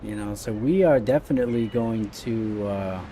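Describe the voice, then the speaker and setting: Casting: male gaming host, casual play-by-play, soft dark tone, light vehicle ambience underneath. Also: on the low side, moderate pace, slight background noise. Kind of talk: casual let's-play commentary.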